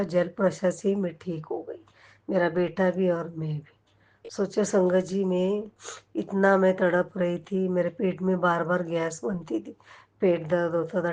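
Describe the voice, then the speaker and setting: A woman's voice: lowish voice, a little mellow, dull audio. A middle-aged woman giving an emotional devotional testimony to a congregation, often turning to address her listeners directly.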